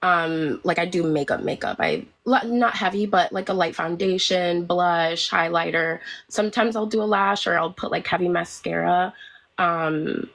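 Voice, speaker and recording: Gravelly-voiced sick woman caller. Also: lowish voice, normal speed, fairly bright tone. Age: early 30s. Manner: apologetic, hesitant with many ums. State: sick, a bit nasal.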